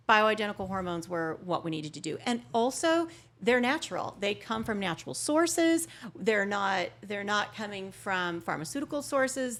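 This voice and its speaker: Gravelly-voiced woman in her fifties. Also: mid-range voice, fairly bright tone. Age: 50s. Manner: chatty, explanatory, laughs easily. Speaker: naturopathic physician guest. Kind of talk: casual podcast interview. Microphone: podcast studio mic.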